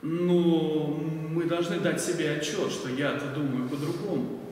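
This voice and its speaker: This sermon comes from a man in his forties at a lectern, talking casually, using plenty of fillers and asking the listeners questions. His slightly high voice holds a steady tone, a bit slow and a bit mellow, with a faint hiss or hum. The bright, large-windowed church hall echoes, since he's captured from far away on a lectern stand mic.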